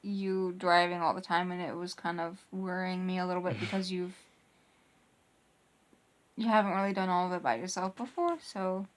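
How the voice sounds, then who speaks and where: A young adult vlogger talks loosely in a couple's vlog, wandering off track with many restarts and fillers. Her voice sits lowish, with a steady tone and a brisk delivery.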